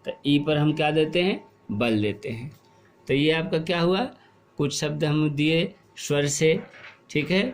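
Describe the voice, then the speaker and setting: A middle-aged man teaching a class, explaining slowly and asking questions, then repeating the answers. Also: a little high, faint music behind. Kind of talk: classroom lesson.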